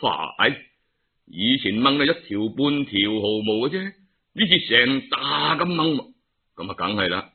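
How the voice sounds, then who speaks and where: A man's voice: mid-range voice, lively intonation, a little slow. A man with a Cantonese accent telling a traditional tale in a dramatic, theatrical and colloquial storytelling style, full of exclamations. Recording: narrow, tinny phone-like sound.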